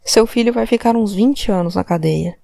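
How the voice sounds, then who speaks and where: A woman's voice: medium pitch, normal speed, vocal fry, dark tone, no room sound, close to an everyday voice. A woman voicing a stern, pressing police commissioner. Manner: insistent, interrogating, demanding. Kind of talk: audiobook character voice.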